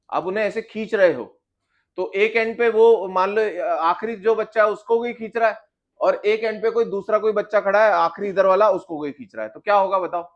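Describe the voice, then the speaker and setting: High pitched physics teacher guy, keeps quizzing the class, kinda muffled lo-fi audio. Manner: explains with questions to students, addresses them as beta. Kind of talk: classroom lecture.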